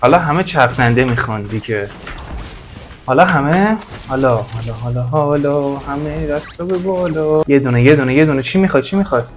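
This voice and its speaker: A man doing casual gameplay commentary, excitable, often yelling and laughing at what happens on screen. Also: medium pitch, faint music behind. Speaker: gameplay streamer.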